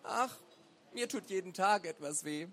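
A man voicing an elderly neighbour woman in a storybook reading, with a raised falsetto voice. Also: lively intonation, a little slow, fairly bright tone. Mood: wry.

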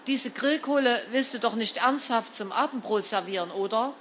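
A woman reading a storybook aloud, voicing an angry father who shouts and scolds sharply. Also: on the high side, normal speed, a little hiss or hum, lightly acted. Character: furious shouting father, middle-aged man.

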